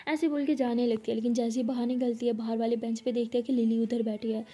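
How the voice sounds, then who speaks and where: A young woman narrating a story in a loose, chatty way, full of fillers and asides. Her voice is high and mellow, with a soft, unhurried delivery. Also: level tone. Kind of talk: casual spoken storytelling.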